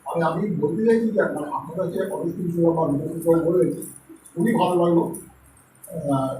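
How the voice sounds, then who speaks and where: A man's voice: on the high side, brisk. Hesitant man asking from the audience. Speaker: audience member asking a question. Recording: roomy echo, distant, noisy.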